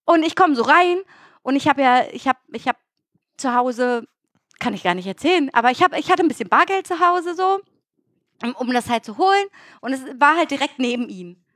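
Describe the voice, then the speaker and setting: A young woman from Germany telling an angry everyday story in casual chat, animated and swearing, acting out what people said. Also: high voice, moderate pace, dry recording. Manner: animated, swearing, acts out dialogue.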